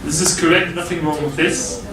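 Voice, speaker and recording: A man teaching English grammar to a class, explaining slowly with many pauses and fillers. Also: on the high side, steady tone. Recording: echoey classroom from far off.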